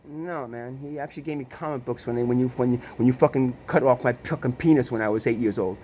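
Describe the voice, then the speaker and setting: An Italian man tells a personal story about his family in casual talk, stumbling through restarts and repeated words, swearing a lot and throwing in sarcastic rhetorical questions. He talks fast in a medium-pitched, slightly mellow voice, with a little hiss or hum in the recording.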